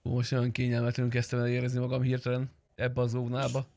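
A young man streams an online roleplay game, chatting casually with blunt, sweary banter. His mid-range voice is monotone with a darkish tone.

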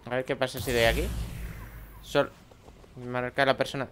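A man's voice: mid-range voice, little pitch movement, normal speed, a bit bright, slight background noise. A man commenting on his gameplay playfully, voicing little sound effects as he plays. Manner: playful, makes sound effects while playing. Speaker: let's play host. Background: game music.

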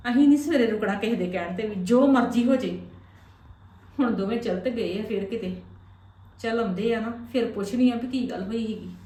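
A woman's voice: fairly high pitch, brisk, warm tone, natural voice. A woman playing a wronged visiting aunt, lamenting aloud to herself. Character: wronged, self-pitying visiting sister and mother. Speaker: visiting aunt in a family skit. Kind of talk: comic family skit acting. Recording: echoey room, voice from a distance.

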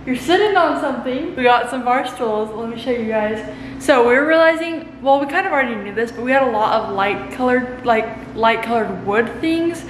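A woman's voice: fairly high pitch, lively intonation, normal speed, slight background noise. A woman in her twenties vlogging casually, chatty and upbeat, filming herself at arm's length in an empty house. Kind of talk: casual vlog. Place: empty suburban house, indoors. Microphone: camera at arm's length. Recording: echoey empty room.

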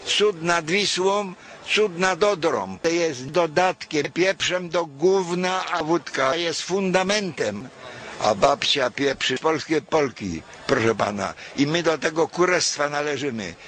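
A man's voice: a little high, expressive, slow pace, a bit bright. An old man in his seventies with a Polish accent, giving a coarse, repetitive, cantankerous rant in a street interview. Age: 70s. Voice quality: old man's voice. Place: outdoors on a busy city street. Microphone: handheld interview microphone. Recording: noisy outdoor street recording.

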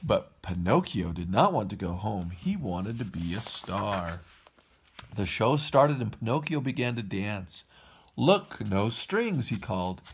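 A man's voice: fairly low pitch, measured pace, slightly rough. A man reading a storybook aloud to his kids, putting on voices for the characters. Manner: lively read-aloud, puts on voices for each character.

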